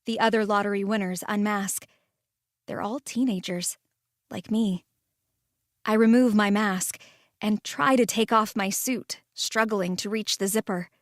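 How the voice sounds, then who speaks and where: A woman narrating a first-person story in a calm, measured way and voicing the lead. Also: mid-range voice, dry recording, clean studio sound.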